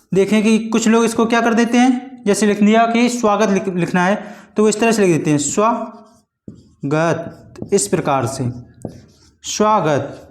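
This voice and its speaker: In a room with noticeable echo, a high-pitched man teaches a Hindi grammar lesson aimed at exam preparation. He explains slowly, repeats his points, and checks in with learners frequently.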